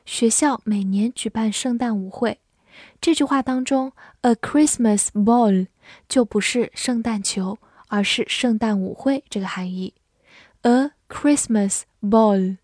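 Slow, careful woman teaching English words. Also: on the high side, darkish tone, no echo, studio quality. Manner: spells words letter by letter and reads example sentences slowly. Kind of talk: scripted vocabulary lesson.

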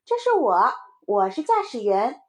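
A woman voicing a cheeky little boy in a storybook, with a high chirpy child voice and a boastful manner. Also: sing-song, a little slow. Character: cheeky little boy proud of his drawing.

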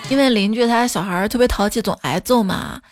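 A woman's voice: a little high, brisk, soft background music. A woman host telling comic stories, playful and laughing often as she acts out the people in them. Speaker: podcast host. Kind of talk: comedic joke storytelling.

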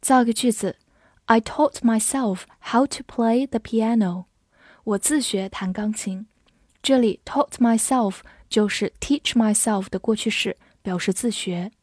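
Slow, careful woman English teacher. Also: on the high side, darkish tone, dry recording, studio quality. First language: Chinese. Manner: spells words letter by letter and reads example sentences slowly. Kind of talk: slow, clear vocabulary lesson.

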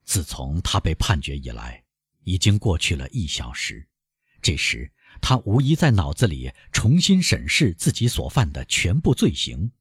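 A man reading a novel aloud as an audiobook narrator, in a dramatic, expressive manner. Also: sits low, husky, no echo, clean studio sound. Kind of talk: scripted narration.

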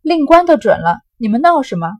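A woman reading aloud as a crude, blustering young rich man, loud and halting. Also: sits high, sing-song, dry recording, voice pushed up.

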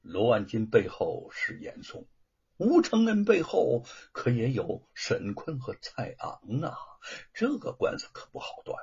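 A man's voice: medium pitch, unhurried, gravelly, slightly rough, highs cut off. A man telling a historical tale in a dramatic, theatrical storytelling style. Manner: animated, theatrical delivery.

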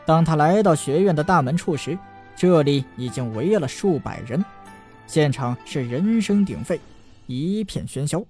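Guy reading a fantasy audiobook, bit higher voice, faint music in the back. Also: expressive, a little mellow. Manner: storytelling, drawn-out sentence-final particles. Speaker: audiobook narrator. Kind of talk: scripted fantasy novel narration. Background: faint background music.

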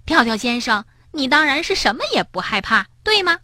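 A woman voicing a timid, easily frightened big female rabbit in a children's storybook, in a shrill, panicky voice. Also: sing-song, moderate pace, sharp tone, no echo, studio quality, heavily acted. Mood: indignant.

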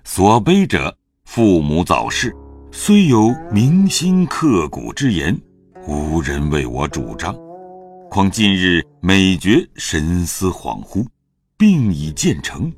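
A man with a fairly low voice tells the story slowly. His reading is expressive and the pitch rises and falls widely, with faint music under it. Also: breathy edge. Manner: slow, expressive, dramatic reading. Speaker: narrator. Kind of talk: storytelling narration of a classic novel.

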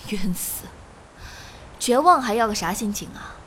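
Comic audio drama: pushy, fretful man on a ledge, voiced by a woman, animated, faint noise behind. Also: mid-range voice, unhurried. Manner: bickering, pushy. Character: fretful man about to jump, in debt.

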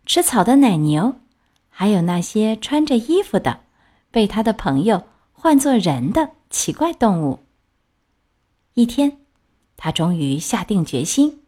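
A woman gently reading a children's story aloud in an expressive way. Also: medium pitch, breathy edge.

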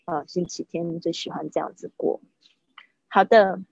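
A woman teaching English vocabulary to Chinese speakers in a chatty livestream, repeating words slowly to model how they sound. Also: on the low side, fairly even intonation, creaky, darkish tone, husky, dry recording, highs cut off.

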